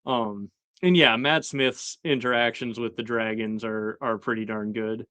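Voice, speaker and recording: Man, casual live-stream commentary, animated and chatty, smooth clear voice, dry close sound. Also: medium pitch, a little slow, no room sound. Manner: chatty, animated, acts out quoted lines. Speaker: show host recapping a TV episode.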